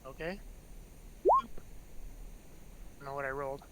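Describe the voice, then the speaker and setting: A man's voice: medium pitch, huge pitch swings, a little slow, noisy background. A man speaking casually as a player in a tabletop game, joking about himself. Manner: self-deprecating, casual.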